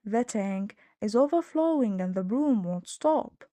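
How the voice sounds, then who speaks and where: Woman doing a croaky, frantic little hopping pet. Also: medium pitch, animated, unhurried, dark tone, no echo, close to an everyday voice. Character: anxious young female hopping croaking pet.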